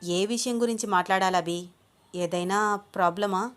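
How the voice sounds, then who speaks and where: A woman's voice: mid-range voice, moderate pace, clear, resonant tone, close to an everyday voice. Woman voicing a fretful middle-aged mother. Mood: worried.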